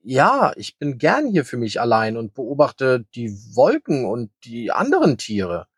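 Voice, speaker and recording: A man's voice: medium pitch, wildly swooping pitch, unhurried, husky, dry recording, clean studio sound, heavily acted. A man voicing a small, shy young male hare in a children's story, speaking timidly and asking questions.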